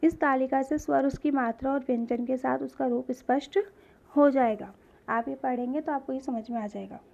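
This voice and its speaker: Woman teacher, grade-school grammar lesson, asks and answers her own questions, slightly high, muffled recording. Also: steady tone, gravelly, a little mellow. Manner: spells out sounds slowly one by one.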